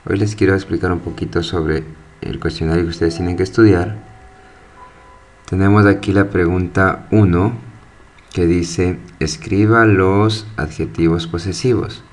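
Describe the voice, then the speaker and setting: A man's voice: low voice, fairly even intonation, a little mellow. A man teaching, who walks students through a study questionnaire and reads each answer word by word. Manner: slow, deliberate, spelling out each word.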